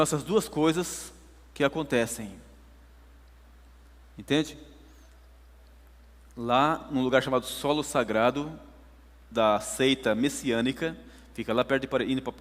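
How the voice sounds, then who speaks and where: In a large hall, a man with a medium-pitched voice preaches a sermon, telling a story emphatically to his congregation and addressing the listeners as brothers.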